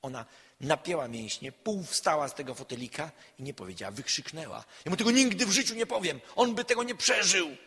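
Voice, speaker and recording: A man's voice: on the high side, breathy edge. Emphatic male lecturer in a reverberant hall. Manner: emphatic, with sharp swings between loud and quiet. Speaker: counselor giving a lecture. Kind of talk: public lecture.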